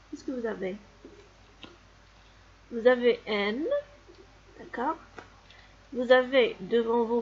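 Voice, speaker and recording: Slow, patient woman teaching reading. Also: fairly high pitch, muffled recording, a little hiss or hum. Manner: slow, patient, repeats sounds and words for pupils. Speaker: primary school teacher. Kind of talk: reading lesson for young children.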